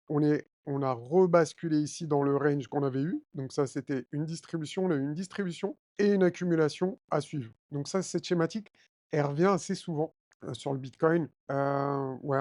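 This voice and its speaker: Higher-voiced man talking through a trading chart. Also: darkish tone, no echo, studio quality. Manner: casual, many fillers, walks through a chart; addresses viewers directly with frequent d'accord and hein. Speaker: crypto trading YouTuber. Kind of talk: chart analysis walkthrough.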